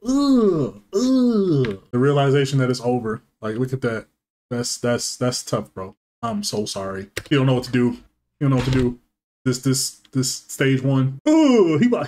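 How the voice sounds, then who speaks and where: Man in his thirties, lively swinging pitch, casual gaming reactions, teasing slang, noisy home recording. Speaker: host of a gaming reaction show. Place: small room at home.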